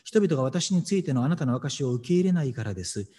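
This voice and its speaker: A male pastor reading scripture and preaching, emphatic and animated, with dramatic pauses. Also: medium pitch, in a large hall.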